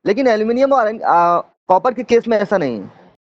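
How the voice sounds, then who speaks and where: A man's voice: sits high, sing-song, a little fast, dry recording, dull audio. A male teacher giving an online class lecture, explaining step by step and often checking that students follow.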